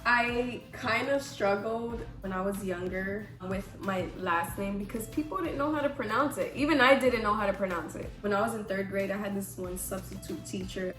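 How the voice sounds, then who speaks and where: A woman's voice: medium pitch, moderate pace, few pauses, a bit bright. A woman in her twenties from Houston, Texas, chatting casually and self-deprecatingly to viewers in slangy speech, her voice affected by a cold. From Houston, Texas, USA. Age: 20s. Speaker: vlogger. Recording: echoey room, music underneath.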